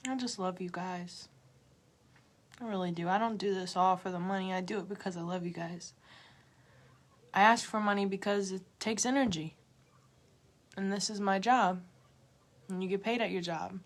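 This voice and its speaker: A woman tarot reader talks directly to her livestream viewers in an emotional, repetitive pep talk that veers from loud urging to hushed near-whispers. Her mid-range voice stays steady at a moderate pace, broken by long pauses.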